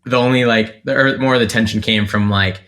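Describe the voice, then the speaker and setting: Speaking a little fast with a steady, fairly bright medium-pitched voice, a man from North Carolina reflects on his own life as a guest in a casual interview. He's a content creator, and his talk is packed with fillers and restarts.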